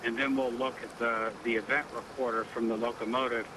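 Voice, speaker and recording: Male corporate spokesman, monotone, outdoor noise on location. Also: mid-range voice. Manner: measured, official, with many fillers. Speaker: railroad company spokesman. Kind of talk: news interview soundbite.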